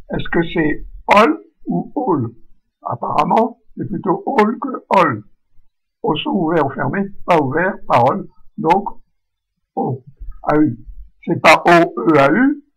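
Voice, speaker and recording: A man giving a recorded spelling lesson, slowly modelling vowel sounds aloud. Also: fairly high pitch, a bit bright, breathy edge, low-quality recording. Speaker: French spelling teacher.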